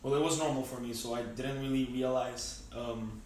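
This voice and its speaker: Answering interview questions casually, a teenage Venezuelan boy hesitates often, with frequent fillers and restarts. His mid-range voice has a darkish tone, fairly even intonation, and moderate pace, captured by a distant mic in an echoey room with slight background noise.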